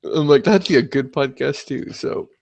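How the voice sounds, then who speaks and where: A young man hosting a casual podcast, chatting excitedly and swearing often. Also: mid-range voice, normal speed, vocal fry, muffled recording. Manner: excitable, swears a lot, animated. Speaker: podcast host.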